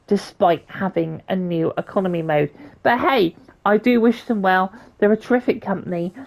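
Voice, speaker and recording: A woman hosting a trucking game channel, giving her opinion in a chatty, thankful way and sounding a little hoarse. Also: medium pitch, a little mellow, poor audio. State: slightly losing her voice. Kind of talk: casual video commentary and sign-off.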